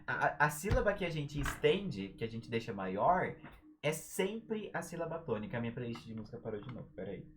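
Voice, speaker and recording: A young Brazilian man with a Brazilian Portuguese accent runs a relaxed live-stream writing lesson. He jokes around, and his pitch swings widely as he talks. He stretches syllables out long to make a point. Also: brisk, slight background noise. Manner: playful, jokey, drags out syllables for emphasis. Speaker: writing tutor.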